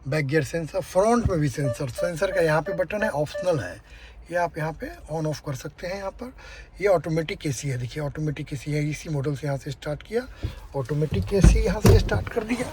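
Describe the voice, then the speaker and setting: Guy doing a car walkaround, fairly high voice, rattles off features, lots of background noise. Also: expressive, a little fast. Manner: lists features, checks in with tag questions. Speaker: car reviewer. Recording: noisy on-location recording.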